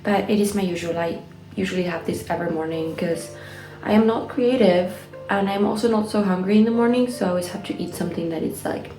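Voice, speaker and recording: A vlogger in her twenties from Buenos Aires, Argentina, a native Spanish speaker with an Argentine accent, chats casually in a personal vlog. Her mid-range voice is brisk and mellow, over soft background music in a rough recording.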